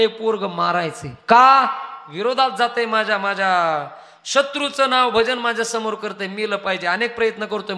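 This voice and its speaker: A man's voice: extremely high pitch, sharp tone. A male kirtan preacher, telling devotional stories, singing verses and teasing the audience with questions. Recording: reverberant hall with faint music.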